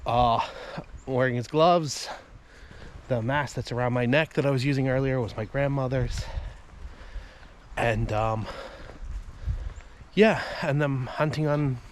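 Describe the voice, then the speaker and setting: A man in his thirties from the USA, talking casually for his hunting vlog outdoors on a farm, halting and emotional with many fillers. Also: medium pitch, a little hiss or hum. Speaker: hunting vlogger.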